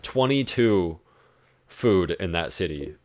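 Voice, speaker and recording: A man's voice: low-pitched, animated, takes it slowly, darkish tone, slight background noise. A young man giving casual, laid-back commentary on his own strategy gameplay, talking to himself as he plays. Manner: laid-back, talks to himself while playing. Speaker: gaming YouTuber.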